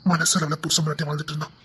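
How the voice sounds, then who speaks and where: A woman's voice: low-pitched, fairly bright tone, breathy edge, heavily acted. A woman voicing a doting young husband, tender and teasing, with a Tirunelveli Tamil accent.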